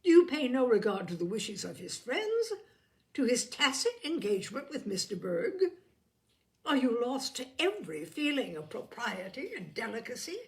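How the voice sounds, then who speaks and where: A woman performs an older aristocratic lady from a classic novel audiobook, haughty and easily outraged. She declaims in commanding, emphatic phrases. Her pitch leaps and falls with great animation. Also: big pitch swings, normal speed. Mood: imperious, angry.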